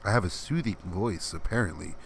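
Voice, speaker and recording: Low-pitched and slightly quick, this man's voice carries vocal fry, with a bit of background noise. He's hosting a laid-back livestream, wandering through chat comments and replying in a manner viewers find soothing.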